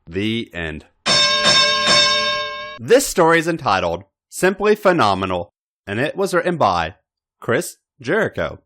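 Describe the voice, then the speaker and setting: Over music, a podcast host gives a dramatic reading of fan fiction in a sing-song, medium-pitched voice. He keeps a measured pace and pauses often while emphasizing the story.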